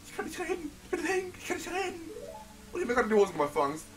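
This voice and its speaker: A man voicing a terrified young hero who whimpers in a high, crying voice. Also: wildly swooping pitch, rapid-fire, music in the background, heavily acted. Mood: whimpering.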